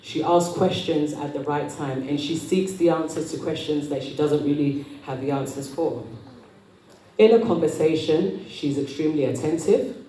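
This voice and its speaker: A woman giving a motivational talk as an etiquette coach, with prim, precise enunciation and a measured, polite manner. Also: low-pitched, mellow. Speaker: etiquette coach speaking at an event. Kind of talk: motivational talk to a live audience. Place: indoor event room with audience. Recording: roomy, distant mic, noisy hall.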